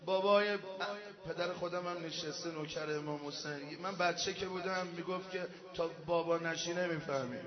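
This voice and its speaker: A man leading a mourning ceremony, chanting slow verses and speaking quick asides to the crowd. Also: a little high, fairly even intonation. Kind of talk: sung religious lament with spoken asides. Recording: echoey hall, dull sound, music behind. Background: music.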